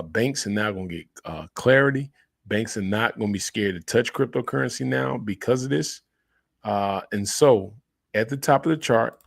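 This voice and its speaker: A man talking casually as a crypto host, in a hyped, slangy, emphatic crypto bro manner, with a husky, gravelly voice. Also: lowish voice. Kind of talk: casual solo crypto commentary.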